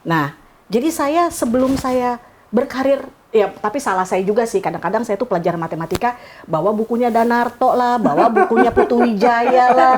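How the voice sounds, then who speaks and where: Middle-aged woman guest, animated raconteur who acts out dialogue. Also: fairly high pitch, normal speed, slight background noise. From Indonesia. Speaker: writer, interview guest. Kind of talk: casual storytelling.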